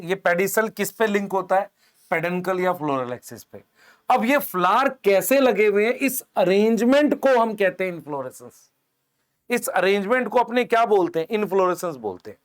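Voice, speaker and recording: A man with a fairly high voice teaches biology to exam students online, mixing Hindi with English terms. Working step by step through board drawings, he says "idhar dekho" to point things out, asks quick questions he then answers himself, and addresses students as "beta."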